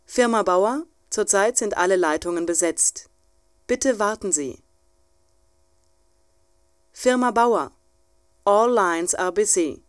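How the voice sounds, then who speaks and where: A woman reading a formal, measured recorded phone hold announcement for a language exam. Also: medium pitch, lively intonation, smooth, no echo, clean studio sound.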